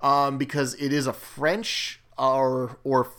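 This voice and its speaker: A man talking casually about tabletop games in a relaxed, conversational way. He rambles and restarts his sentences, and his voice sits at an ordinary middle pitch. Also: takes it slowly, clear, resonant tone. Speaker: co-host. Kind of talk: casual board game discussion.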